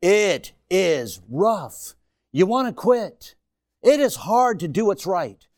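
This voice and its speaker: Animated preacher in his sixties. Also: sits high, slow, dry recording, clean studio sound. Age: 60s. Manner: emphatic, exhorting, repeats phrases for effect. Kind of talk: sermon. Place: church before a congregation.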